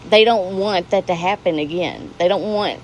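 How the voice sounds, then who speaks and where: Woman host, lowish voice, dry mocking sarcasm, commentary read. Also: moderate pace, a little hiss or hum, low-quality recording.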